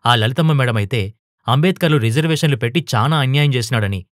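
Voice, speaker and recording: A man voicing a timid young woman teacher in an audio storybook, hushed and hesitant. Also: mid-range voice, animated, fast, no echo, clean studio sound, natural voice. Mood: placating.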